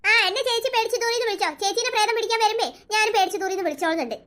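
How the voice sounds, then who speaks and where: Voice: very high voice, very fast, sharp tone. A voice actor playing a frightened, tearful little cartoon girl telling her family what scared her. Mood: stubborn. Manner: whiny, tearful storytelling. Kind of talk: cartoon voice acting.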